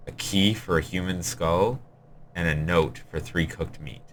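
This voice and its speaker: A man with a very deep, low-pitched voice talks through a game he built. He rambles and hurries, explaining puzzle after puzzle in a casual way. A faint hiss sits under his voice. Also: unhurried, fairly bright tone. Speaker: game server admin.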